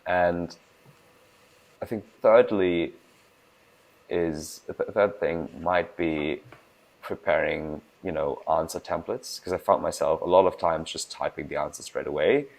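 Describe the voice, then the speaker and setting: Deep-voiced young man. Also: vocal fry, low-quality recording. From Germany. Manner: fast-talking, restarts words, emphatic. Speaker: guest, food startup founder. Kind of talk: casual interview answers.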